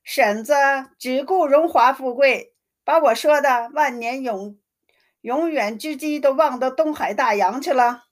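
A reproachful young ghost noblewoman, as a woman reader puts her on speaks in a fairly high voice. She sounds pleading and wounded, told as part of a classic storybook reading. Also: unhurried.

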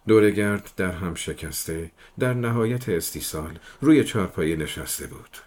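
A man reading a novel aloud in measured first-person storytelling. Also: low-pitched, animated, a little mellow. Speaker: audiobook reader.

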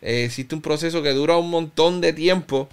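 A Cuban-born man in his thirties, whose Cuban Spanish accent has softened after years in Puerto Rico, gives a personal testimony as an interview guest. His smooth, slightly high voice comes out halting and reflective, with many fillers and restarts.

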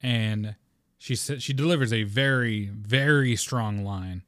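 A man's voice: fairly low pitch, takes it slowly, fairly bright tone, no room sound, studio quality. A man hosting a podcast, talking casually and passionately in a rambling way. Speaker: podcast host.

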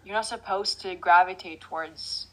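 A young woman chatting casually as a podcast co-host. She is easygoing and talkative, with lots of "like"s and quick laughs. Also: on the low side, steady tone, poor audio. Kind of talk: casual chat.

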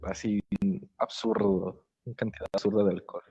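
A young man, co-hosting a podcast in laid-back, slangy casual chat with some halting restarts. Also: fairly low pitch, steady tone, vocal fry, dark tone, husky. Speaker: podcast co-host. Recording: dull lo-fi podcast audio.

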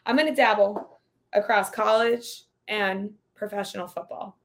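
An upbeat woman co-hosts a casual sports betting chat. Her voice sits at a middling pitch, and her delivery is lively and chatty, often breaking into laughter. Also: a little slow. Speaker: podcast co-host.

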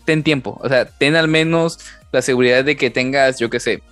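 A young man, a podcast guest giving plain, measured advice. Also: medium pitch, fairly bright tone, smooth, no room sound, faint music behind. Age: young adult. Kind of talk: casual podcast chat.

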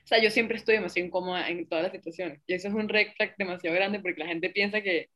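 A woman's voice: on the low side, fairly even intonation, fast talker, bright, forceful tone. A woman with a Venezuelan accent chatting casually as a podcast co-host, giggly and jumping between topics. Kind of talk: casual chat.

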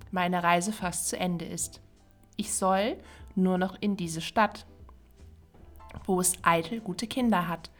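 A woman podcast host reciting a classic Christmas poem in a measured, rhythmic way. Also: medium pitch, a bit bright.

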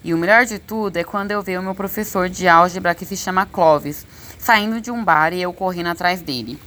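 A woman reading a children's book aloud as an audiobook narrator, expressive and lively. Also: fairly low pitch, fairly quick. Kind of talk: storybook reading.

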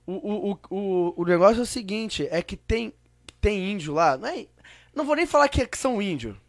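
A man's voice: sits high, lively intonation, moderate pace, no echo, studio quality. A young man in casual podcast banter, full of street slang and swearing, repeating himself insistently. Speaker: podcast co-host.

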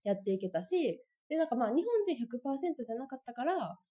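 A woman's voice: sits high, quick pace. A young woman with a Kansai accent chatting casually as a podcast co-host, telling stories and acting out what people said. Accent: Kansai Japanese. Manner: lively storyteller, acts out quoted lines. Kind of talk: casual chat.

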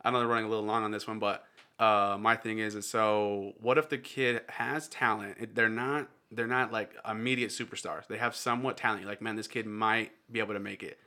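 A man's voice: on the low side, steady tone, a little fast, pushed and bright. A man co-hosting a podcast, leading the casual chat with questions. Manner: asks questions, leads discussion. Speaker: podcast co-host.

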